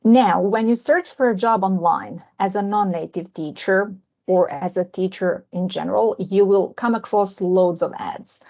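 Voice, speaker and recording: A woman's voice: medium pitch, creaky, darkish tone. Woman from Serbia presenting over a call. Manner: friendly, with frequent filler pauses. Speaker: conference presenter, English teacher. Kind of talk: online conference presentation. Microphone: video call. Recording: dull lo-fi video call audio.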